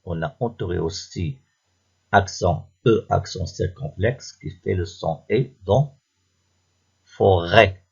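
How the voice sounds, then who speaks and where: A man's voice: low voice, slow, vocal fry, a little mellow, slightly rough, muffled recording. A man teaching a primary school phonics lesson, patiently repeating each answer step by step. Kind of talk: slow classroom phonics lesson.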